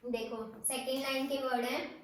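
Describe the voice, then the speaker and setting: Shorthand teacher, woman, high voice, patient step-by-step explainer, very echoey room. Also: flat delivery, noisy background. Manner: patient, repeats example words slowly.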